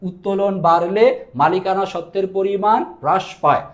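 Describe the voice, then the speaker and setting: High-voiced, fast-drilling accounting teacher. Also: male voice. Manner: quick, drilling questions and answers to students. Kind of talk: live online class lecture.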